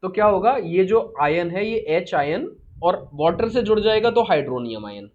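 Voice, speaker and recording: A man's voice: sits high, lively intonation, normal speed, darkish tone, highs cut off. A male chemistry teacher giving a live class lecture, quizzing students and repeating the key answers, with English terms mixed into his speech.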